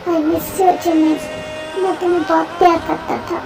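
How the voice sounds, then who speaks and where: A high young voice takes on a heartbroken young man who speaks quietly and flatly. The voice sits high for the part, and soft music plays faintly underneath. The tone stays withdrawn and low in energy. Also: moderate pace, creaky, poor audio.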